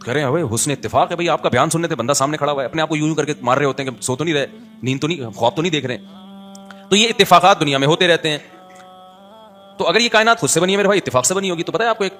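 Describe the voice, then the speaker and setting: Lively male preacher, joking and reciting. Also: on the high side. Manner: conversational, joking asides, recites Quranic verses in Arabic. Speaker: Islamic scholar giving a talk. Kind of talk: religious talk.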